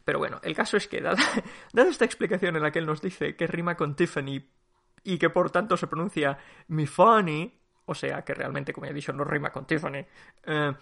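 Fussy, animated man with a Spain Spanish accent. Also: on the high side, creaky. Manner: animated and fussy, with many restarts and repetitions. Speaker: book reviewer. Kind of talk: casual spoken book review.

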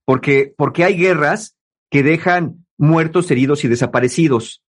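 A man hosting a talk on relationships, explaining to his listeners in a lively way. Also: on the high side, normal speed. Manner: lively, acts out quoted people in mocking voices. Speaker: host giving relationship advice.

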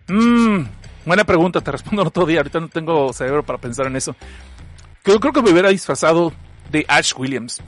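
A man from Mexicali with a northern Mexican accent hosts a livestream, reading chat messages aloud in a joking, slangy manner full of laughter, and he has a cough. His voice sits high with a fairly bright tone.

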